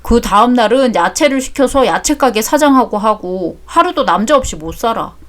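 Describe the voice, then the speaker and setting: A woman's voice: fairly high pitch, animated, moderate pace, natural voice. Crude, bragging shopkeeper man in a radio drama, middle-aged, voiced by a woman. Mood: gossiping. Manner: crude, boastful storytelling. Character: boastful middle-aged male fruit seller, crude gossip.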